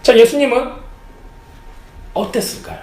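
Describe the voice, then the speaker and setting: A man preaching a sermon as pastor, animated, often acting out the lines of the people in his story. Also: extremely high pitch, measured pace, echoey room, slight background noise, rough recording. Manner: animated, acts out quotes of characters. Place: church sanctuary.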